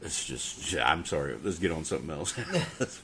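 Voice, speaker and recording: A middle-aged man with a very low, deep voice, talking bluntly and swearing freely as he vents in a casual podcast chat. A faint hum of background noise sits under his voice. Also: sing-song, moderate pace, fairly bright tone. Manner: blunt, profane, bitter. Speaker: podcast co-host. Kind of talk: casual political rant.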